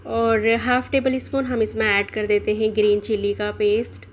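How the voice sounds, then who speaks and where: A woman's voice: fairly high pitch, normal speed, slight background noise. Woman narrating a home cooking recipe. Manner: steady instructional, explains each step and options. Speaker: cooking channel host. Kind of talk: step-by-step cooking voice-over.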